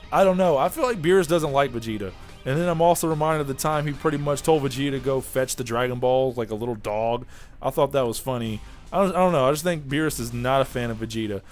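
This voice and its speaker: Chatty young guy reviewing anime. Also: mid-range voice. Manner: rambling, offhand, chatty with fillers. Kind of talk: casual video review.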